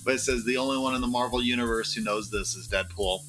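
A man's voice: mid-range voice, fast, fairly bright tone, faint music behind. A man co-hosting a comics podcast, chatting casually and joking with friends. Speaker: podcast co-host. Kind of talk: casual chat.

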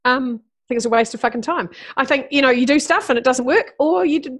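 A woman's voice: high voice, fast talker, fairly bright tone, breathy edge. A woman in her fifties, talking as a guest in a casual interview, blunt and brash, swearing freely and laughing often. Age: 50s. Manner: driven and brash.

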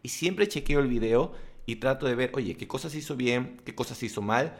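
A man's voice: mid-range voice, moderate pace. Blunt man giving motivational tips. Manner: blunt, crude slang, animated asides. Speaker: self-help vlogger and coach. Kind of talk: motivational talking-to-camera monologue.

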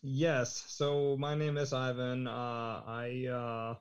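A man in his thirties from Norway, a podcast guest chatting casually, talking in halting phrases with many fillers. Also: mid-range voice, flat delivery, smooth. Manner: halting, lots of fillers and restarts. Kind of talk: casual chat. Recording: slightly dull lo-fi sound.

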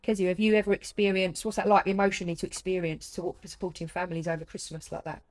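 Woman, British accent, lowish pitch, chatty interviewer, empathetic and affirming. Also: little pitch movement, fast talker. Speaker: interviewer and host. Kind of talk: conversational interview.

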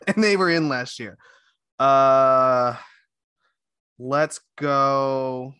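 Man, podcast co-host, bright tone, dry sound, hesitant and thinking aloud. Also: medium pitch, drawn-out words, smooth, dry recording. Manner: hesitant, mulls picks aloud with hums and fillers. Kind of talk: casual sports chat.

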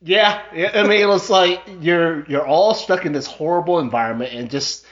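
A man's voice: fairly high pitch, moderate pace, fairly bright tone. A man co-hosting a casual podcast chat, laid-back and chuckling, trailing off into fillers. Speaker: podcast co-host. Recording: dull lo-fi podcast audio.

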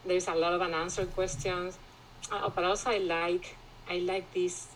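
A woman from Spain, a classicist, talking as a guest in a podcast interview, thoughtful and pausing often with restarts. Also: lowish voice, little pitch movement, a little hiss or hum, rough recording. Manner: thoughtful, many restarts and fillers, laughs often.

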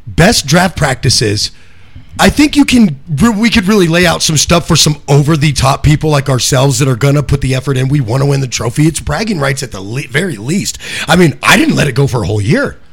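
Man, podcast host, animated pitch, a bit high, casual banter, swears a lot. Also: brisk, gravelly, slightly rough. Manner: energetic, boastful, swears freely.

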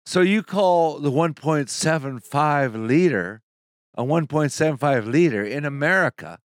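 An older man talks slowly and patiently, laying out an explanation with the odd chuckle. His voice is close and dry, with no room sound around it. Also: fairly high pitch, lively intonation, no echo. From Alberta, Canada. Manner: unhurried, explanatory storytelling with chuckles. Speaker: guest. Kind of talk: casual chat.

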